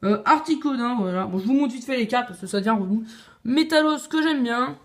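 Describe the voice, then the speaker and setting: A woman's voice: a little high, lively intonation, fairly quick. A woman casually showing her card collection on video, chatty and opinionated, with frequent hesitations. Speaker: video creator.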